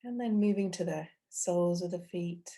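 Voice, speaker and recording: Gentle and in no hurry, a meditation teacher guides her listeners in a very mellow, soft-edged voice that rests fairly low. Long pauses come between her brief phrases.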